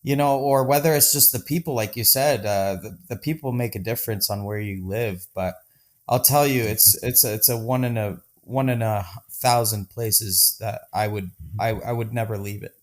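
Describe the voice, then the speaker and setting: A man's voice: on the low side, moderate pace. Man from Denver, podcast guest, enthusiastic, rambling, casual chat. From Denver, Colorado. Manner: enthusiastic, rambling with many restarts. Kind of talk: casual conversation.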